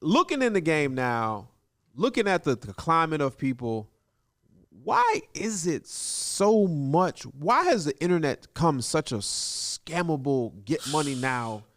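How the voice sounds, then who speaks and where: A man's voice: a little high, big pitch swings, slow, fairly bright tone. A man in his late thirties, a guest in a casual podcast chat, who talks bluntly and warns listeners directly. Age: 30s.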